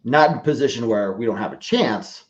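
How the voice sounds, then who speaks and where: A medium-pitched man speaks fairly quickly with lively intonation, though the audio sounds dull. He's a team fan on a sports podcast, rambling casually through football analysis with many hesitations and self-corrections.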